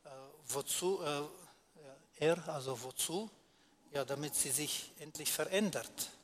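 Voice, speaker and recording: Slightly high-voiced man teaching a sermon. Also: measured pace. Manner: explains step by step, asks rhetorical questions and answers them, many hesitations.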